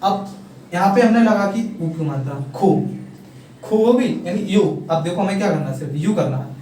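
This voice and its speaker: A man's voice: sits high, lively intonation, normal speed, dark tone, slight background noise. A man teaching a lesson, drilling letters and vowel signs aloud over and over and checking whether his students follow. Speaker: English teacher. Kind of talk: classroom lesson explaining spelling. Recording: far-off echoey room with faint ambience.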